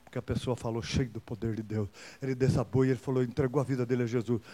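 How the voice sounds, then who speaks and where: A man preaching a sermon, telling a testimony with emphasis, swinging from soft to loud. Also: mid-range voice, steady tone, fast talker.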